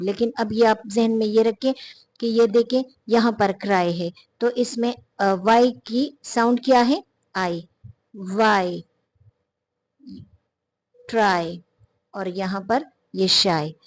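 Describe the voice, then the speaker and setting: Woman teacher, slightly high voice, slow and patient, spells words out. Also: darkish tone. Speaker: English teacher. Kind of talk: explaining a phonology lesson.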